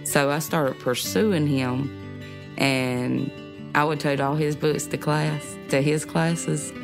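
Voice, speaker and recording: Woman in her forties, low gravelly voice, chatty storyteller, music bed behind. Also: steady tone, slow pace. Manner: laughing, talkative. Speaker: interviewee, wife. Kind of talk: casual storytelling. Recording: music underneath.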